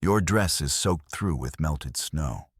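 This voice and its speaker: A man playing a calm protective warrior. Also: extremely low pitch, normal speed, husky, no room sound, studio quality, full character voice. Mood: firm. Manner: calm, matter-of-fact instructions. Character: steady, protective male warrior guide.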